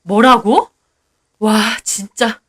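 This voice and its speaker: A woman's voice: a little high, fairly even intonation, extremely slow. A woman voicing an exasperated husband who sides with his mother, speaking irritably in a storybook tale. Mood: irritated. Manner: pleading, irritated.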